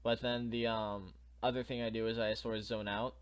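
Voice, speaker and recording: A man's voice: lowish voice, flat delivery, moderate pace, clean tone. A man talking casually on a podcast, meandering from one thought to the next. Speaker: podcast co-host. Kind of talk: casual chat.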